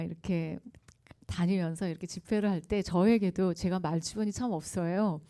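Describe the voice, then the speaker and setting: A woman speaks to a church congregation at a revival service, her tone mellow and warm. She lectures conversationally, spinning anecdotes and often turning to the audience with questions between light laughs. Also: mid-range voice. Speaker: guest speaker at a revival meeting.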